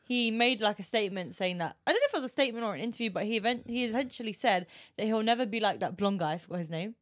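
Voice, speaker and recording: A woman's voice: medium pitch, lively intonation, racing, dry recording, clean studio sound. A British woman co-hosting a podcast, chatting playfully and laughing often. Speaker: podcast co-host. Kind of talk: casual chat.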